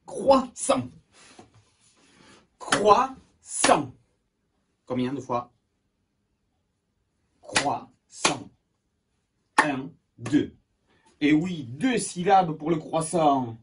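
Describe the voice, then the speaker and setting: A man teaching young children in a video lesson, slow and encouraging, clapping out syllables, recorded indoors. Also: on the high side. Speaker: schoolteacher. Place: indoors at home. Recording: distant mic with steady background noise.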